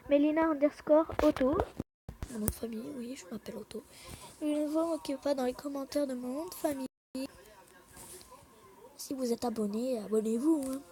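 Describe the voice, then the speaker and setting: A woman's voice: high-pitched, warm tone, rough recording. A woman giving casual, rambling gameplay commentary, chatting with viewers, apologizing often and dropping into whispered asides. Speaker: gaming video creator.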